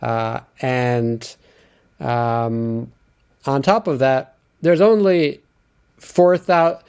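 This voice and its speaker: Gravelly man explaining, halting. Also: medium pitch, steady tone, darkish tone. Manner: halting, filler-heavy explaining. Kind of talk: casual chat.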